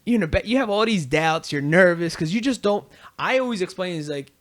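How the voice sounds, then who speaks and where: Man, podcast host, casual chat, animated storyteller, acts out quotes, fairly high voice. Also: brisk.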